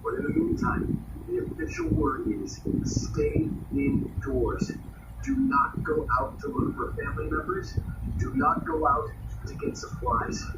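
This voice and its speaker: A man's voice: very high-pitched, wildly swooping pitch, a little slow, vocal fry, heavily acted. Casting: male actor as grave, alarmed emergency radio host for a drama, urgent, echoey and far from the mic. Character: alarmed radio news host during apocalyptic outbreak. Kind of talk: radio drama news broadcast. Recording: very noisy, echoey, distant radio broadcast.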